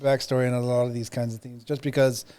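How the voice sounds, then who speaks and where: A man's voice: medium pitch, level tone, fast, mellow, clean tone. A man co-hosting a podcast in casual chat, rambling with many fillers. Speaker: podcast co-host.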